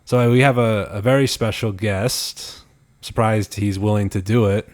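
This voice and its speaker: A man's voice: on the low side, steady tone, moderate pace. A young man hosting a casual podcast chat, teasing his guest and laughing often. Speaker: podcast host.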